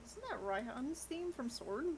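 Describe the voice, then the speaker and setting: A woman's voice: a little high, expressive, unhurried, vocal fry, a little hiss or hum, low-quality recording. A woman playing a tabletop game in playful, joking casual chat. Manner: playful, joking, laughs easily. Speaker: player.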